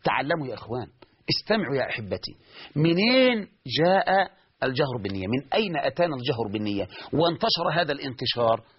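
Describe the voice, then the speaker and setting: Egyptian-accented male preacher, fast and high-pitched, husky voice, muffled lo-fi recording. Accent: Egyptian Arabic. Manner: lively, asks the audience questions and answers them. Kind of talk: religious lesson.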